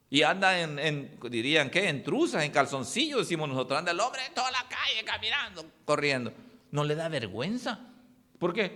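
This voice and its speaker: Man, pastor, sermon, lively preaching, higher voice, reverb of a church hall. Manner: animated preaching with sudden voice swings.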